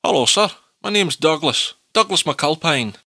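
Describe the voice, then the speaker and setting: A man's voice: a little high, lively intonation, normal speed, vocal fry, sharp tone, voice pushed up, exaggerated voice. A man voicing an obliging railway works man in an amateur drama. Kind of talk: amateur audio drama acting.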